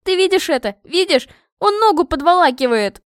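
A woman voicing a spoiled, indignant young princess with a shrill, shouting delivery in an audiobook. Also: expressive, moderate pace, no room sound, clean studio sound. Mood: outraged. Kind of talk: audiobook reading.

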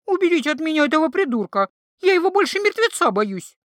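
Woman voicing a shrill indignant herbalist girl. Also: expressive, normal speed, no echo, clean studio sound. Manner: shrill, indignant, high-strung. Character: jumpy indignant young female herbalist.

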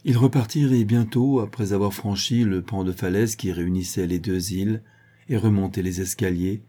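Low, husky man reading a novel aloud. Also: dark tone. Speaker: audiobook reader. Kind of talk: scripted narration of a novel.

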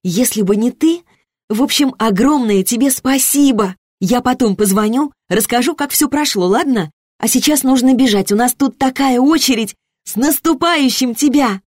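A woman voicing a bubbly, happy young woman who chirps and gushes with excitement. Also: a little high, moderate pace, hardly any pauses, dry recording, clean studio sound, voice pushed up. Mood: chirping. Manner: chirpy, gushing.

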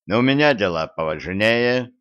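A man's voice: lowish voice, lively intonation, moderate pace, fairly bright tone, clean tone. A man voicing a pompous, hot-headed young royal gossip in a storybook, with haughty talk over dull lo-fi audio.

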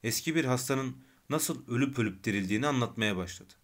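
A man narrating an audiobook of a novel in a calm, measured reading. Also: medium pitch. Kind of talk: scripted narration.

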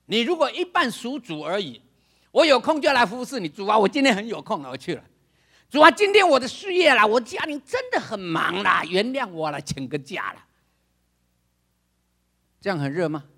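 Delivering a sermon at normal speed, an older male pastor uses a high, sing-song voice. He plays up the drama by imitating others, laughing, and shouting for emphasis.

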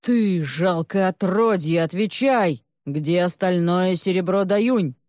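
A woman's voice: lowish voice, slow, a little mellow, dry recording, clean studio sound. A woman voicing a harsh, furious male palace official who roars and threatens in a storybook reading. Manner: roaring, menacing.

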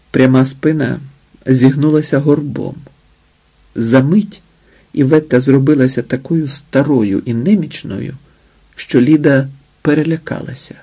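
Male audiobook narrator, even delivery, rough husky tone. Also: mid-range voice. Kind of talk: scripted narration.

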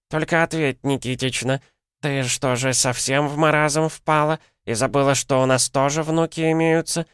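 A man's voice: medium pitch, clear, resonant tone, dry recording, studio quality, voice pushed up, lightly acted. A man voicing a gossipy old village woman who mocks her friend sarcastically. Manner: sarcastic, needling.

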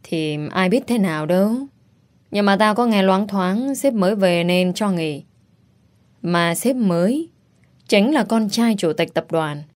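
A woman voicing a brash, foul-mouthed young roommate who is bossy but caring, talking loudly and bluntly in a read-aloud story. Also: mid-range voice, animated, unhurried, natural voice. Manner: loud, blunt, teasing.

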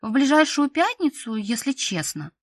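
A woman narrator plays a cheeky young teacher, bold even when nervous, her lines pitched higher and pushed louder with eager excitement. The sound is close and dry. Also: moderate pace, dry recording.

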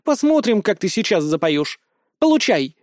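Man doing a shrill, tearful jilted young woman. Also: very animated, moderate pace, a little mellow, no room sound, studio quality. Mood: scorned, vengeful. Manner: shrill, squealing. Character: tearful vengeful young woman, spurned lover.

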